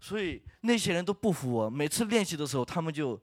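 A man's voice: fairly high pitch, very animated, no room sound, studio quality. Earnest man telling a church testimony. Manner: earnest storytelling with laughs and halting restarts. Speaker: worship leader giving testimony.

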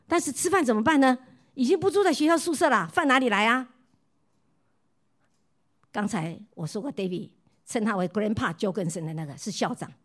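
A middle-aged woman from Taiwan, a pastor's wife preaching a sermon, who keeps asking her listeners questions and tells her own stories in a warm voice that often drops soft. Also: a little high. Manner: asks the listeners repeated questions. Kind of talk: sermon with personal testimony.

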